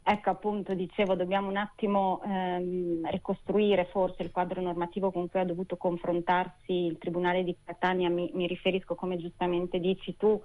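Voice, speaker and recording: Lady lawyer on a thin tinny phone line, lowish flat voice, careful and exact. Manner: measured, precise legal phrasing. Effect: speaking over a phone line. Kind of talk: radio interview guest, legal analysis.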